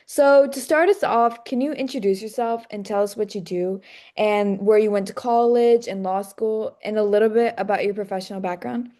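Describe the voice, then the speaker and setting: A woman opens her podcast with an upbeat, welcoming introduction and then puts questions to her guest. Her voice sits at an ordinary pitch with a mellow, warm tone. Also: normal speed. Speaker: podcast host.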